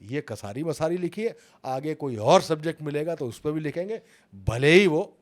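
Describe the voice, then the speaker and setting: A middle-aged man, a journalist and author, tells his stories in an interview with dramatic emphasis. His voice is fairly high and expressive, and he speaks at normal speed.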